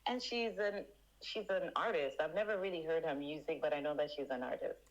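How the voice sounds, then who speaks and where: A woman co-hosting a podcast, chatting and explaining in a relaxed way. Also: sits low, brisk, lo-fi sound. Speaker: podcast co-host. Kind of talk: casual chat.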